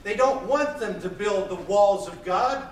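Fired-up preacher guy, high voice for a man, booming off the walls of a church hall, mic way back. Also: a little slow, a little hiss or hum. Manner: intense and loud, pacing the stage. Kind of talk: sermon. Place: small church hall, indoors. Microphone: far camera, room mic. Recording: echoey church hall from far off.

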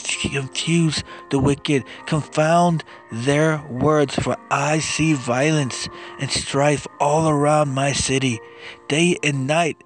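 A man reads scripture as dramatized biblical narration, solemn and impassioned. His voice sits somewhat high for a man and moves at a slow, weighty pace, with music playing behind it. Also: rough recording. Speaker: scripture reader.

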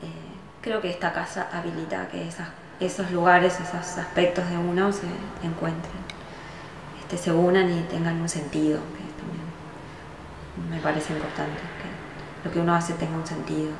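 A woman talks in a documentary interview, hesitant and full of fillers. Her voice is low and gravelly. The clip sounds roomy and carries clear background noise. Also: flat delivery, moderate pace. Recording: roomy clip played in a hall, noisy.

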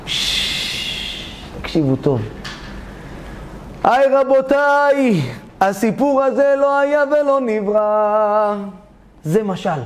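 A rabbi tells a parable in an animated, theatrical way. His voice sits high for a man and jumps between exclamations and asides, with a faint hiss behind it. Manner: animated, theatrical storytelling, addresses the audience directly. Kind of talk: storytelling sermon.

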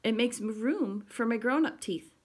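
A woman's voice: fairly high pitch, moderate pace, darkish tone, close to an everyday voice. A woman voicing a young boy bear in a storybook, cheerful and matter-of-fact.

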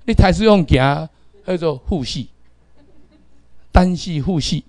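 A man's voice: fairly high pitch, takes it slowly, darkish tone, no echo. A middle-aged man with a Taiwanese accent teaching a class, lecturing and calling out drill commands for the students to repeat.

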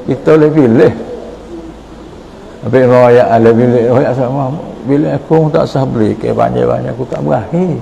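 A man with a deeply gravelly, dark voice gives a morning sermon in a Patani Malay accent. He tells stories and acts out prayers and short exchanges as he preaches. A faint ambient hum sits under his voice. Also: moderate pace, highs cut off. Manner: storytelling, quotes prayers and dialogue. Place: mosque hall.

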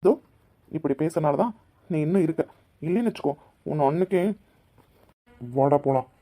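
A man voicing young men in a cartoon, talking in a rough, confrontational way. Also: a little high, normal speed, dark tone. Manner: rough, confrontational street talk. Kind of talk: dubbed cartoon dialogue.

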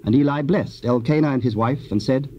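A man narrates scripture in a formal, measured way, his pitch in the middle range. The sound is a dull old cassette with faint hiss.

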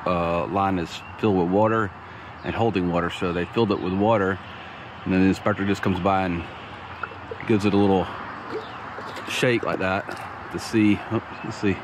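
Strolling through the site where his house is going up, a man explains the plumbing in a relaxed, plain way with lots of ums. His voice is low and his pace moderate. It's outdoor phone audio, shot while walking, with background noise clearly audible.

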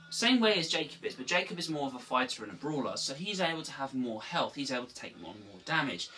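A man's voice: mid-range voice, bright, forceful tone, recorded from a distance, low-quality recording. A man casually recapping a video game in a rambling way, often restarting his sentences. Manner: rambling, with frequent restarts and asides. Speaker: gaming video host.

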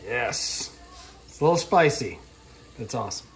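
A fishing vlogger in his forties cooks fish in his home kitchen and chats along the way, recorded on a handheld phone with slight background noise. He speaks at medium pitch and normal speed, casual and easygoing.

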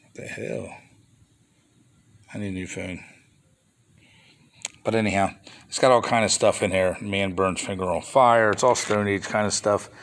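With a lowish, fairly bright voice and fairly even intonation, a man talks at normal speed but leaves long pauses, and there's slight background noise. He's a toy reseller showing flea market finds, filmed on a handheld phone at a table of toys indoors. In this casual off-camera show-and-tell vlog, he rambles and grumbles mildly now and then.

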